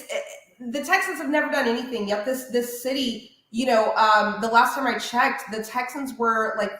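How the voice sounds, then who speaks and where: A woman who hosts a sports radio show, ranting in an animated, opinionated way during a casual podcast chat. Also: a little high. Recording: very echoey room.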